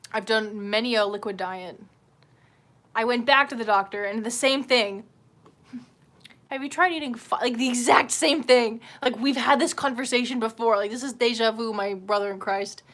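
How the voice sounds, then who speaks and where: Woman, livestreamer, casual chat, exasperated venting, lots of swearing, slightly high voice. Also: a bit bright. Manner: profane, exasperated venting with many fillers.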